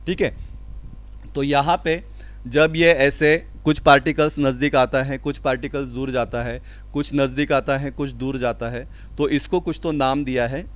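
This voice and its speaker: A man teaching school physics in a lecture, explaining step by step, asking and answering his own questions, and reading out definitions slowly. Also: mid-range voice, fairly even intonation. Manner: mixes Hindi with English terms, reads definitions slowly. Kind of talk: classroom lecture.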